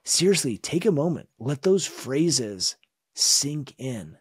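A man teaching a scripture lesson in an earnest, measured, reflective way. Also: mid-range voice, sing-song, breathy edge, dry recording, clean studio sound. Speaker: religion teacher.

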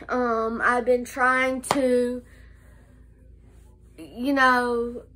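Her voice is high-pitched, bright and forceful, though nasal from a cold she is recovering from, with a slight cough. This young woman vlogs a casual life update indoors on a close-held phone camera, talking slowly and haltingly with many ums and restarts.

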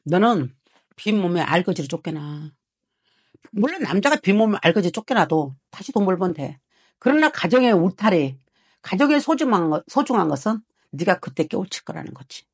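A woman's voice: lowish voice, sing-song, moderate pace, a little mellow, breathy edge, no echo, clean studio sound. A woman fortune teller harshly scolding a client, swearing and prodding him with rhetorical questions. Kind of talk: heated consultation with a client.

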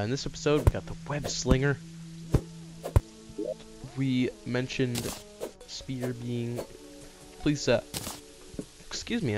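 A man hosting a gaming channel, rambling through casual gameplay commentary and often correcting himself mid-sentence. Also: medium pitch. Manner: rambling, chatty, self-correcting. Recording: loud background game music.

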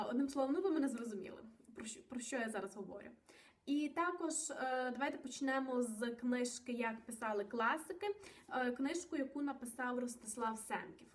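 A woman vlogging a casual book review, chatty and rambling, with many fillers and self-corrections, a little nervous. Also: sits high. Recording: voice a bit distant from the mic.

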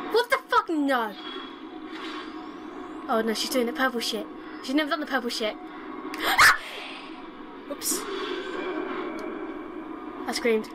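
A young woman playing a horror game alone at home, commenting casually, jumpy and swearing as she panics. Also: on the high side. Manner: jumpy, swears a lot, panics and repeats herself. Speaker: let's play host. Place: her room at home. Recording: noisy home recording with buzz.

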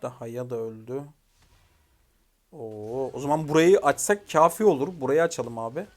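A young man commentating his own mobile game match, excitedly shouting commands at teammates and venting frustration. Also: mid-range voice, moderate pace. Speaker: gaming YouTuber. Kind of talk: live gameplay commentary.

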